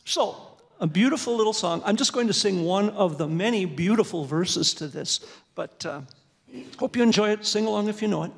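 In a church sanctuary, a sixty-something entertainer chats to the crowd between numbers, joking in a folksy way with plenty of fillers. He speaks briskly in a gravelly, high-sitting voice into a stand mic at the piano, and the recording carries long reverb with piano in the background.

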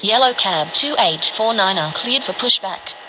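A woman's voice: mid-range voice, animated, moderate pace. A woman voicing a businesslike pilot and controller in an air traffic game, with clipped procedural calls over a crackly aviation radio. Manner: procedural, clipped call-outs. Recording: noisy game audio, aircraft ambience.

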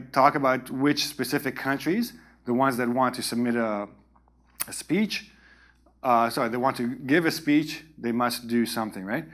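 Man teaching, explanatory with emphatic pauses. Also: a little high, a bit bright. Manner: explanatory, with emphatic pauses and frequent check-in tags. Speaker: English writing teacher. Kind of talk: instructional lecture explaining grammar.

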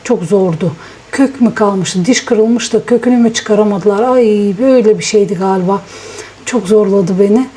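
A woman chatting casually to her viewers at home in a daily vlog, ill with a swollen sore throat and talking softly. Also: medium pitch, normal speed, husky. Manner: chatty, rambling, talks softly. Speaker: vlogger. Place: at home, indoors. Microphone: small vlogging microphone.

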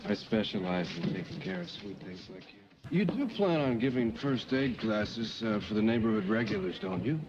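Cocky flirt with swooping delivery. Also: male voice, mid-range voice, very animated, normal speed, few pauses, background noise. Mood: flirtatious. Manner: teasing, suggestive, drawling sweet talk. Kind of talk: television soap opera acting. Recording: dull 1980s television audio, music underneath. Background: music.

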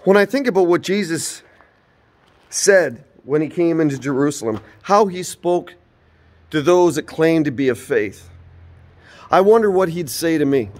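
Filmed on a phone held at arm's length in an empty old church, a preacher in his forties gives an earnest, informal sermon. He sounds animated at a measured pace, his pitch rising and falling as he preaches.

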